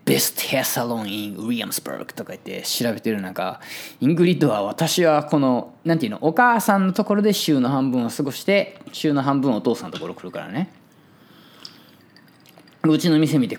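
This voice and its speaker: A man with a Kansai accent chats casually about his hair salon. His pitch rises and falls a lot as he tells the story. He acts out the other people's lines as he goes. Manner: animated, acting out conversations in storytelling.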